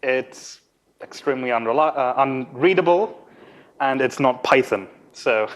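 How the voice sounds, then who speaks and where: A young man giving an informal technical lightning talk at a podium, with a halting, hesitant delivery. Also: mid-range voice. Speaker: conference speaker. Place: conference room at a podium. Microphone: podium microphone.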